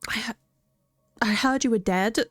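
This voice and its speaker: A woman's voice: a little high, moderate pace, dry recording, close to an everyday voice. A woman reading a tender young witch. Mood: surprised.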